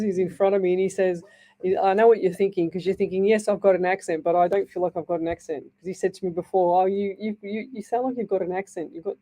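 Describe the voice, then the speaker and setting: On live radio in a studio, a woman working as a psychic medium chats through listeners' messages, rambling but comforting. She's from Northern Ireland yet has an Australian accent, and her mid-range, warm voice comes through a dry, scratchy throat.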